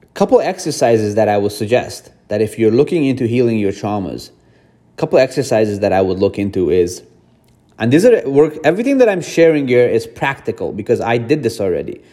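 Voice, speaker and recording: A man's voice: mid-range voice, sing-song, a little fast, warm tone. A man who grew up in Afghanistan, hosting a podcast and talking earnestly to listeners in a reflective self-help monologue, often repeating himself. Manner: earnest, repetitive, addresses listeners directly. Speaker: podcast host.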